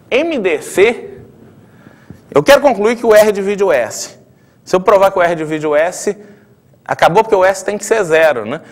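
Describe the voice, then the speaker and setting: A middle-aged man with a Brazilian Portuguese accent, a math professor working through a proof and checking in with tag questions. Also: sits high. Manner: explanatory, frequent tag questions, thinking aloud at the board. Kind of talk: blackboard math lecture.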